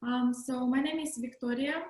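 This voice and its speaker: A young woman from Ukraine, answering interview questions over a video call, hesitant with many pauses and fillers. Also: sits high, steady tone, a little mellow, reverberant. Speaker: interview guest, model. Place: home room indoors.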